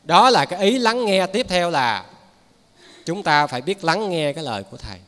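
A man's voice: high-pitched, sing-song, normal speed, a bit bright. A man with a Southern Vietnamese accent giving a Buddhist dharma talk as a lay preacher, in a folksy, conversational way with frequent asides to his listeners. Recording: reverberant hall.

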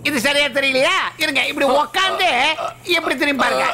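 A woman's voice: high voice, fairly quick, pushed and bright, a little hiss or hum. A woman dubbing a chatty young woman in a film, talking in a teasing, fussing way over a film score.

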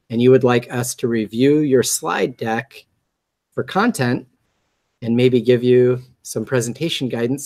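High nasal-voiced man hosting. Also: a little mellow. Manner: chatty, joking, with many ums and restarts. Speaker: meetup host. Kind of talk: casual talk to a group.

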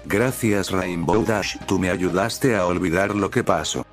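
A young, lovestruck baby dragon from a storybook fan tale, read by a man. The voice is low and deep, steady and plain. Faint music runs beneath it. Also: a little slow. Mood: grateful. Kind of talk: reading fan fiction aloud.

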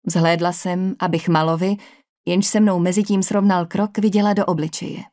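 A woman with a Czech accent reading a first-person novel aloud as an audiobook narrator, in an even, measured storytelling manner. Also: fairly low pitch.

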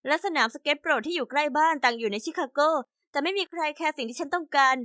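A woman telling a first-person animated story in a chatty way, also voicing the other characters. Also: high voice, fast talker, no echo, studio quality. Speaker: narrator.

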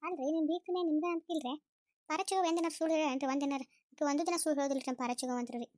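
A woman's voice: sits high, fairly even intonation, racing, a little mellow, pitched above the performer's own voice, close to an everyday voice. A woman voicing a nosy, gossipy middle-aged village neighbour. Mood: prying. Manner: prying, gossipy questioning.

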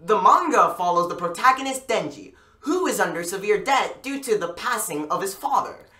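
A YouTube host reacting to an anime trailer, gushing and excitable, often restarting sentences and breaking into excited shouts. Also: mid-range voice, normal speed.

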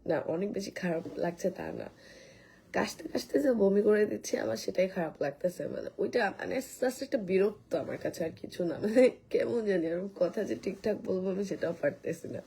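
Hoarse woman chatting on a live stream. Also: medium pitch, lively intonation, fast talker, warm tone, rough recording. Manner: rambling, restarts a lot, reads commenters' names aloud. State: hoarse from coughing. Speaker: live streamer selling skin care. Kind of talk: casual live-stream chat answering viewer comments.

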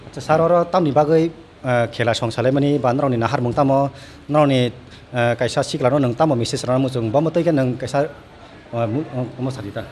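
A young man with a Kokborok accent reporting and asking brisk questions into a handheld mic in an open pavilion. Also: mid-range voice, darkish tone, a little hiss or hum. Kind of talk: field interview. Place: open pavilion beside a sports ground.

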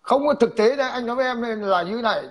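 A man hosting a casual online chat, explaining his views in a measured, moralizing way. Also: very high-pitched. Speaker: livestream host.

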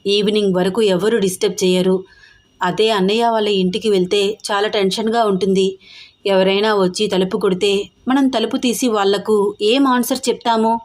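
A woman's voice: mid-range voice, fairly even intonation, normal speed, darkish tone, natural voice. A woman voicing an anxious, clingy young woman in an audio story, speaking in a worried tone.

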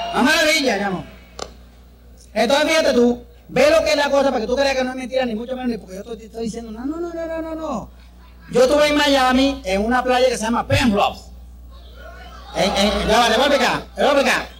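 A man's voice: extremely high pitch, expressive, a little fast. A man with a Venezuelan accent doing crude, chatty live stand-up comedy on stage. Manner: brash, crude, chatty storytelling with the crowd. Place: stage before a live audience. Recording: live show with crowd noise.

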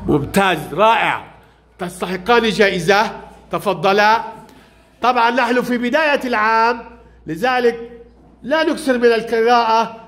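In a classroom reading drill, a male primary teacher fires brisk questions at young pupils and praises each child's answer. His voice is very high for a man, bright and forceful.

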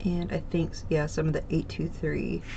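Her voice sits low with little pitch movement, creaky and dark in tone, at a moderate pace. Stuffy and slightly nasal, this craft channel host rambles through her stitching projects at home, full of ums and restarts, while the audio loses its highs and has some hiss or hum.

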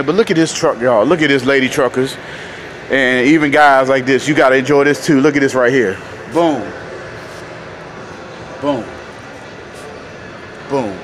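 A man from North Carolina, a truck driver casually vlogging to viewers in an animated, folksy way. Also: mid-range voice, slight background noise. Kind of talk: casual vlog talk to viewers. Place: truck stop, indoors and outdoors in the lot.

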